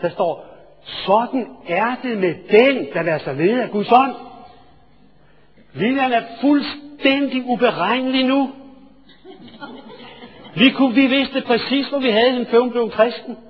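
A male preacher telling a sermon story, swinging from hushed asides to loud, excited storytelling. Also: very high voice, pauses often. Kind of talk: sermon with anecdote. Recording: reverberant hall, dull lo-fi sound.

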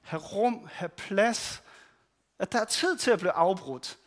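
A man giving a sermon, telling the stories in a conversational way and voicing the people in them. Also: high-pitched. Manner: conversational storytelling with quoted voices. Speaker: preacher.

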